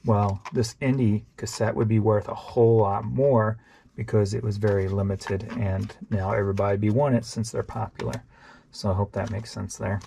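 He has a lowish, creaky, warm voice with a flat delivery and moderate pace, and there's slight background noise. An online reseller, he chats casually in a show-and-tell vlog. He rambles offhandedly, thinking aloud as he goes through tapes to sell.

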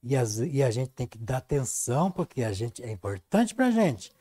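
Brazilian male painting teacher, talkative storyteller, mellow tone. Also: medium pitch, very animated, normal speed. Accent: Brazilian Portuguese. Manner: chatty, storytelling, reads viewer comments. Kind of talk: live-stream painting lesson.

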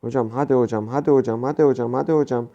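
A man giving casual, excitable gameplay commentary as a gaming YouTuber, slangy and quick to plead with or curse at his teammates. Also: medium pitch, vocal fry, dull audio. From Turkey.

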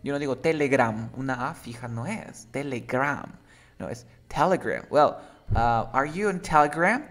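A man's voice: medium pitch, lively intonation, unhurried, a bit bright. A man teaching English to a Spanish speaker, explaining words patiently and switching between Spanish and English. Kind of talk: bilingual English lesson.

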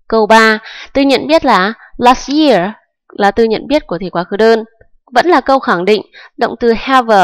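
Her voice a little high, a female English teacher patiently walks through grammar rules one step at a time, regularly checking that you're following. The recording is dry and close, with no echo.

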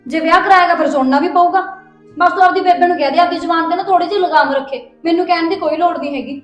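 A young woman playing a combative wife who fires back quick retorts in a family drama. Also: extremely high pitch, echoey room, faint music behind. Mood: angry. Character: fiery young wife quarreling with husband. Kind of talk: village family drama acting.

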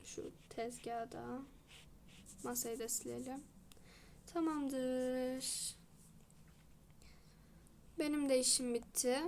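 A woman voicing a calm hairdresser mother in a toy role-play, talking in a matter-of-fact way. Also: high voice, slow pace, gravelly, pauses often, a little hiss or hum.

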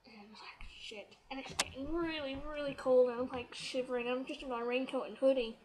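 Excitable woman, high-pitched, casual vlog storyteller. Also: a little fast, noisy background. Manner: excitable, chatty, quotes others as she retells. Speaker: vlogger.

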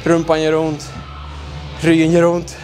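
A man's voice: a little high, monotone, darkish tone, low-quality recording. Worn-out young man talking in a gym. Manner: tired, halting, many fillers. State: sore and worn out. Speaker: vlogger. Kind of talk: casual vlog chat. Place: large indoor gym. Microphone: handheld mic. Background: music playing.

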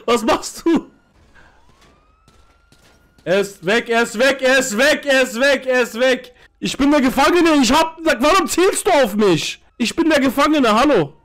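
A man role-playing a brash, hot-headed young suspect who taunts and swears loudly at the police. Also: very high voice, slow, pauses often, heavily acted. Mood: taunting. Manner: loud, taunting, swears and insults constantly. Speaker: role-player. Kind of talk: role-play as a game character.

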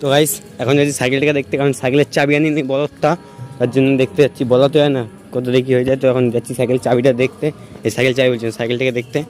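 Fast-talking young man vlogging outdoors. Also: flat delivery, music in the background. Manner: chatty, repeats filler phrases, lowers voice to near-hushed at times. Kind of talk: casual walking vlog commentary. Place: outdoors at a temple garden.

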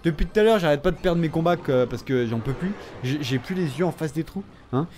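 A tired man casually commenting on his own game, excitable and talking to himself and his opponent. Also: fairly high pitch, fairly quick, slight background noise. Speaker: gaming video host.

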